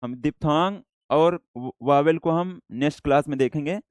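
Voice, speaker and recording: A man with an Indian accent teaching a shorthand class, explaining slowly and repeating himself, mixing English words into Hindi. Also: on the high side, clean tone, no room sound. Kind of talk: classroom lecture.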